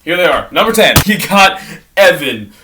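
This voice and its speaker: A man's voice: fairly high pitch, big pitch swings, normal speed. A young man rambling casually through a ranked list, often correcting himself and trailing off mid-sentence. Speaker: host ranking favorite creators. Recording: distant mic with clear background noise.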